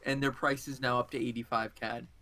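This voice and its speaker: A man's voice: mid-range voice, level tone, a little fast, bright, forceful tone. A man chatting frankly in a casual group conversation. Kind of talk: casual chat.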